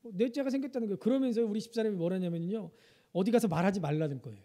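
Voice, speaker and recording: A man's voice: sits high, rapid-fire, mellow. A male pastor preaching a sermon, telling funny family stories and asking the congregation questions. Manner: humorous storytelling, asks the congregation questions. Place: church sanctuary. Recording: long church hall reverb.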